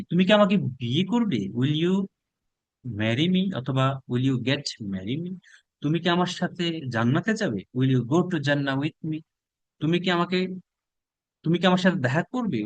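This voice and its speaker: A man with a Bangladeshi accent teaching a spoken English lesson, drawing out each model sentence slowly and giving quick translations in between. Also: on the high side, no echo.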